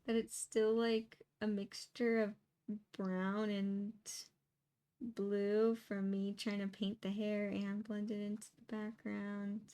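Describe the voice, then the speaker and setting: A woman's voice: medium pitch, completely flat delivery, slow pace, mellow, clear, resonant tone. A young woman chatting casually and a little sleepily as she paints, rambling and laughing often. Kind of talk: casual chat while painting.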